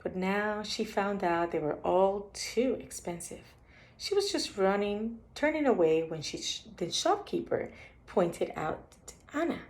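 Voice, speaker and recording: This storyteller's mid-range voice is animated, and she keeps a measured pace while reading a bedtime picture book aloud for young children. She stops now and then for quick remarks on the pictures, and the recording has a roomy echo.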